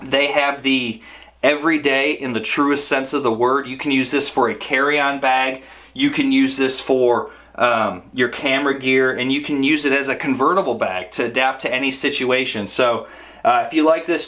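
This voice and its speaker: A man's voice: mid-range voice, fairly even intonation, normal speed, sharp tone. A man casually reviewing a camera backpack on his vlog, talking conversationally with frequent fillers. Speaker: camera gear vlogger.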